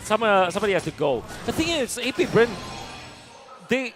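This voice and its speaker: A man's voice: high voice, big pitch swings, normal speed, music in the background. A man working as an esports caster and analyst, explaining the game in a conversational way.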